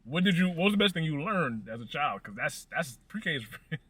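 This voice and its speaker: A man's voice: on the high side, big pitch swings, fairly quick, a bit bright. A man co-hosting a podcast, interviewing in casual talk from a car, asking probing questions and often repeating words. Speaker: podcast co-host.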